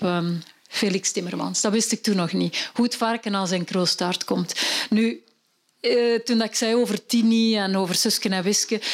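A middle-aged woman with a Flemish accent, an author telling stories in a lively, chatty way with fillers. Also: medium pitch. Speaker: author and storyteller. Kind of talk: live storytelling talk.

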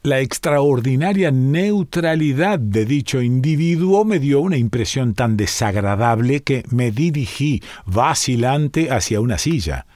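A man reading a short story aloud in a calm, measured narrating voice. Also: medium pitch, no echo, studio quality. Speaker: reader.

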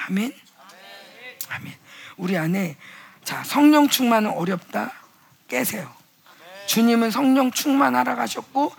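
High, gravelly-voiced woman preaching a sermon. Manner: swings between hushed quotes and loud exclamations; acts out voices of people in her stories. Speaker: pastor's wife preaching at a youth revival. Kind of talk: animated sermon. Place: church sanctuary.

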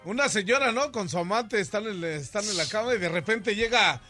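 A man calling in to a radio show to tell a joke, fumbling and halting as he goes. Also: high voice, expressive, sharp tone, soft background music. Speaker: caller. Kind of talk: telling a joke on air.

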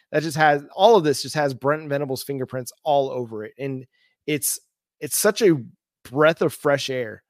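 A man with a mid-pitched voice hosts a sports talk show. He analyzes earnestly, stacking up points by repetition, in a very dry, close sound. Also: dry recording.

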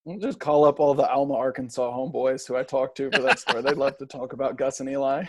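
A man's voice: mid-range voice, steady tone, quick pace. A young adult man co-hosting a sports podcast, easygoing, thinking aloud in casual chat.

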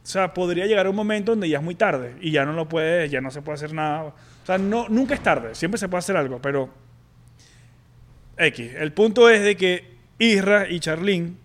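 Speaking at a normal speed in a high-pitched, animated voice, this podcast co-host shares a personal story in casual chat. He's candid, restarting often and leaning on fillers.

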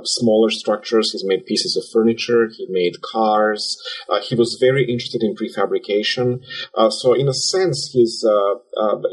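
Husky, hesitant man from Serbia. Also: fairly low pitch, rough recording. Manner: hesitant, many filler sounds. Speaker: architect and author, interview guest. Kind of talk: conversational interview.

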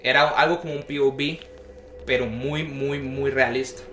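Bright-voiced young man telling a dream story. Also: mid-range voice, normal speed, faint music behind. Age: young adult. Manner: animated storyteller acting out quoted voices. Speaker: podcast guest. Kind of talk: casual storytelling chat. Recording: echoey room with faint noise.

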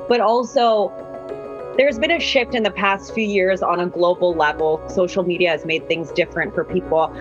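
Low-voiced woman, slightly muffled recording. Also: fairly even intonation, moderate pace, music in the background. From Afghanistan, also raised in Russia and the US. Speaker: guest artist. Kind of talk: reflective interview talk.

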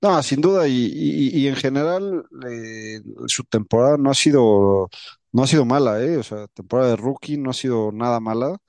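A man's voice: medium pitch, moderate pace, darkish tone, no echo. A man co-hosting a golf podcast, talking colloquially and repeating words as he goes. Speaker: podcast co-host. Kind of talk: casual golf chat.

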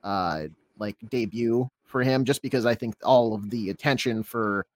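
An American man giving casual sports analysis on a podcast panel, thinking aloud in a halting way. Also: mid-range voice, dry recording, studio quality.

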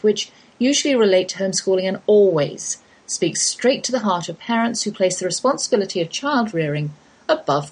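Middle-aged English woman, husky podcast host, lively pitch, chatty and wry. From England. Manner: chatty, homely storytelling with wry asides. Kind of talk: scripted podcast monologue.

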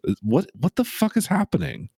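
His voice sits a little high, fairly quick, creaky and with a breathy edge, captured in a clean studio sound with no room tone. He's a man in his thirties co-hosting a podcast from a makeshift home recording space, sarcastically joking through a casual recap, swearing and lurching into silly voices.

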